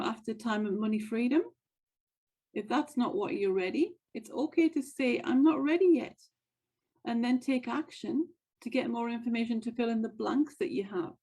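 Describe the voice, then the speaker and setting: With a fairly high-pitched, warm voice, this American podcast host and wealth coach gives an earnest, encouraging motivational monologue, repeating her key phrases. The audio quality is poor.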